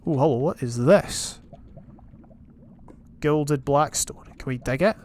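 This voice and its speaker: A Scottish gaming YouTuber rambles through his casual Minecraft let's play in a slightly high, slow, somewhat mellow voice, with a bit of hiss behind. Chatty, he talks to himself and reads advancements while playing.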